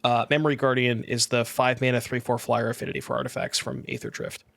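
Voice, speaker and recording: A man from Connecticut co-hosting a podcast, chatting casually and working through ideas with quick restarts. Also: mid-range voice, little pitch movement, gravelly, fairly bright tone, no echo, clean studio sound. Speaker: podcast co-host. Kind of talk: casual chat.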